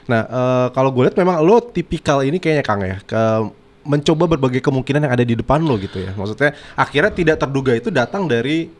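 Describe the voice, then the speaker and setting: This is a man at a middle pitch, hosting a casual interview. He keeps things relaxed and moves the talk along with short follow-up questions. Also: fast talker. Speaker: interview host.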